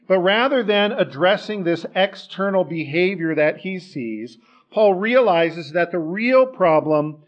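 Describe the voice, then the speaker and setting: A man's voice: fairly high pitch, lo-fi sound. A man preaching a sermon in a church, talking in a conversational way and putting rhetorical questions to the congregation.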